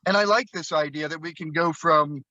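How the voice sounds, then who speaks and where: Magician guy spinning a goofy love story over a coin trick, high bright voice, dull lo-fi sound. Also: a little fast. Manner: playful, theatrical, bursts into high whoops. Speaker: magician performing at an open mic show.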